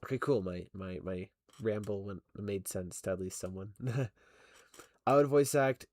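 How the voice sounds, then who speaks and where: On a stop-motion animation stream, a young man chats loosely with viewers and reads their messages, laughing often and correcting himself amid many fillers. He speaks a little slowly in a low, darkish voice, and there's no echo.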